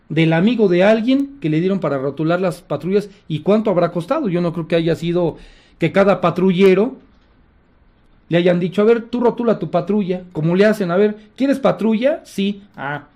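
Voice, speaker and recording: A man's voice: sits high, a little mellow. A middle-aged Mexican man with a Mexican accent hosting a political commentary show, speaking in a sarcastic, indignant way. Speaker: host.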